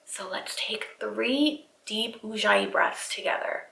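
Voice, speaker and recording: Bright, creaky-voiced woman teaching yoga. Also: medium pitch, slow pace, echoey room, slight background noise, rough recording. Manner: addresses the viewer directly with step-by-step cues. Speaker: yoga instructor, channel host. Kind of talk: instructional tutorial with guided breathing cues.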